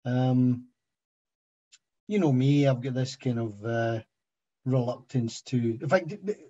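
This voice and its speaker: Husky man, muffled call audio. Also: mid-range voice, warm tone. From Tasmania, Australia. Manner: hesitant, halting, with repeated words. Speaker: guest speaker. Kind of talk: video call conversation. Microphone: video call.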